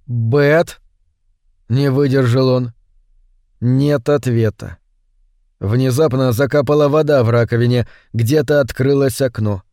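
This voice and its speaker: A man narrating a scripted horror story in a measured, suspenseful way. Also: medium pitch, warm tone, dry recording, clean studio sound.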